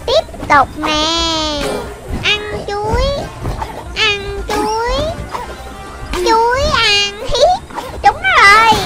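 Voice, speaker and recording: With an extremely high pitch, a childlike voice excitedly narrates a video game made for children. Exclamations and repeated short phrases fill the commentary, and loud music sits behind it.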